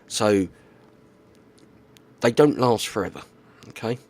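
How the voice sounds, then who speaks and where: A man's voice: lowish voice, animated, slow. A man explaining things in a casual, plainspoken monologue, often checking in with "okay?" and "right". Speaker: YouTuber.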